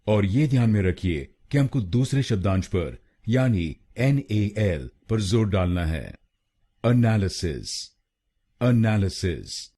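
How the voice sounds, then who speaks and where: A man giving a slow, scripted pronunciation lesson, breaking words into syllables and repeating them carefully. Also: fairly low pitch, animated, dark tone, husky. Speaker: pronunciation teacher.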